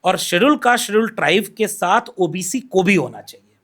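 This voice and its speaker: Guest voice: a man with a high-pitched voice, measured and explanatory, lays out his points in order. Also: animated, fairly bright tone. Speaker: podcast guest. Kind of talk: political discussion.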